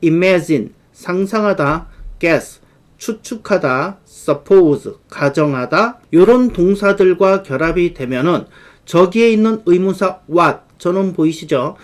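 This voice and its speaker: A man teaching an online English grammar lesson. He explains lively and slows right down to spell out the English example sentences. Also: high-pitched.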